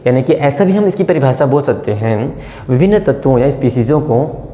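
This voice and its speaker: A male teacher gives a chemistry lesson at the board and talks over each step as he writes. He repeats key terms slowly and keeps checking in with his students. His voice is dark and mellow, and the room rings with long reverb. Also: mid-range voice, lively intonation. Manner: checks in with "ठीक है". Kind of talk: whiteboard lecture.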